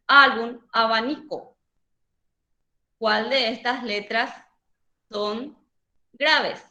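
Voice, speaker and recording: Slow, bright-voiced woman teacher. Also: a little high. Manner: slow, patient, asks students questions. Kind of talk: online Spanish grammar lesson.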